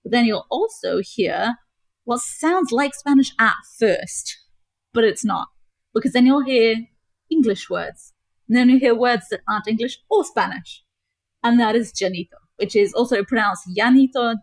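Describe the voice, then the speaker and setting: A woman's voice: a little high, normal speed, dry recording. A young woman from Gibraltar, a podcast guest explaining things in a chatty way, often using "like" as a filler. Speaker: podcast guest, travel creator. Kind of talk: casual chat.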